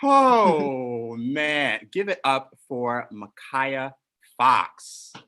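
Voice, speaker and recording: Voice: medium pitch, big pitch swings, very slow, pushed and bright. A host of a live online showcase who gushes and exclaims between acts. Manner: effusive, exclamatory, gushing.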